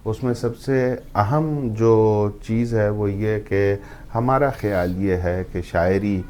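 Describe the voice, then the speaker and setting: A man hosting a conversation on poetry, speaking in a measured way with frequent hesitations. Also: fairly low pitch, darkish tone, a little hiss or hum. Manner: measured, hesitant with many fillers. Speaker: host. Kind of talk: interview.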